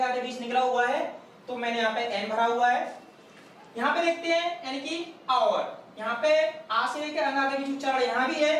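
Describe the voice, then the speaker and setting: A male teacher giving a patient, step-by-step lecture and repeating each point slowly. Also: very high voice, a bit bright. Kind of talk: classroom lecture. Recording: very echoey room, far from the mic, faint noise.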